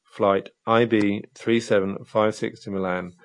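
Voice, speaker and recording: Low-voiced man making announcements. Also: fairly even intonation, no room sound. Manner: measured, formal announcer delivery with slight hesitations. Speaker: announcer in a listening exercise. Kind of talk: scripted public announcements.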